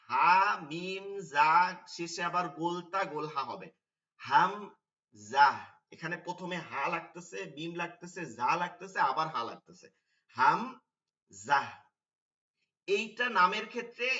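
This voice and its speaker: A man teaching an online Quran pronunciation class, spelling out Arabic letters slowly and drawing out each sound. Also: sits high, bright, forceful tone, far from the mic, muffled recording.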